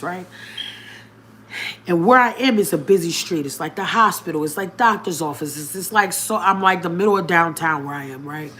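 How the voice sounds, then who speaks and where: A woman telling a personal story straight to her viewers, outspoken and straightforward, with a colloquial, emphatic delivery that jumps up in pitch and loudness. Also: slight background noise.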